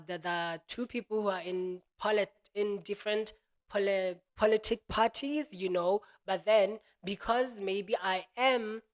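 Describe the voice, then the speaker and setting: A man's voice: high voice, a bit bright. Man musing, peppered with "you know". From Botswana. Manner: leans on "you know", acts out imagined voices in quotes. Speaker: self-help speaker. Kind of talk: reflective spoken monologue.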